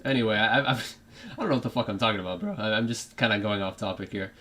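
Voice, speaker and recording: Guy w a put-on british accent calling a football match live, kinda low voice, rambling and going off topic. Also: fast, pushed and bright. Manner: rambling, many fillers and restarts, drifts off topic. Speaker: fan streaming a live match reaction. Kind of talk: live football reaction commentary.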